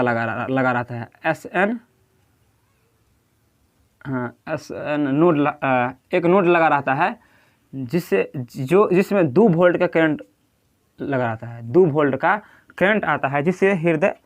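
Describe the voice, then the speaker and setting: A man with a Bihari accent teaching a lecture, who keeps asking the class questions and repeating key terms. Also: a little high. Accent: Bihari Hindi. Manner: quizzing, repeats key terms, drawing at a board.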